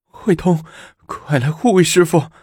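A man's voice: medium pitch, very animated, measured pace, slightly rough, dry recording, studio quality, voice pushed up, heavily acted. A man voicing an eager, fawning female nun who speaks in an agitated rush of accusation.

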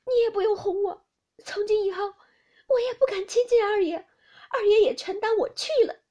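A woman doing a shrill, tearful young noblewoman. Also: huge pitch swings, fairly quick, darkish tone, slightly rough, dull audio, heavily acted. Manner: shrill, reproachful, on the edge of tears. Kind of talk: audiobook character voice.

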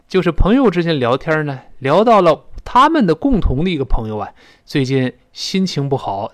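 Lively male English teacher. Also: mid-range voice, dry recording, studio quality. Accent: Mandarin Chinese. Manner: explains pronunciation, slowly modelling English phrases. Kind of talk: spoken English lesson.

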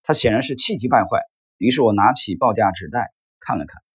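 A man reading his book notes aloud in a measured way, with occasional spoken asides. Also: on the low side, lively intonation, a bit bright, breathy edge, no echo, clean studio sound.

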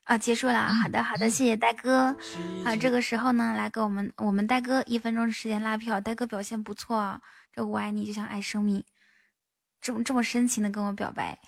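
A woman's voice: on the high side, level tone, a little fast, creaky, faint music behind. A woman hosting a live stream, chatting playfully, repeating herself and laughing often. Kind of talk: casual live-stream chat.

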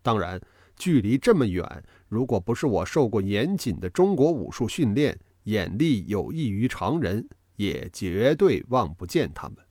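A male storyteller reads a novel aloud with dramatic, expressive flair. His pitch swings widely as the tension builds and falls. The recording is dry and close, with no room echo. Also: moderate pace. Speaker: audiobook narrator. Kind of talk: scripted storytelling narration.

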